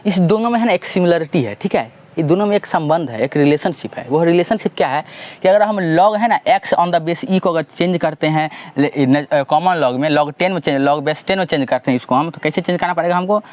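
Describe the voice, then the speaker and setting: A man with a Bihari Hindi accent teaching a math lesson, asking and answering his own questions and drawing out each formula slowly. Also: on the high side.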